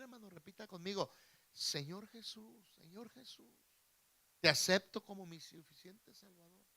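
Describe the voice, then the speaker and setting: A man from Mexico preaching a sermon to his congregation, swinging between loud emphatic bursts and quiet asides. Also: fairly high pitch. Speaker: pastor.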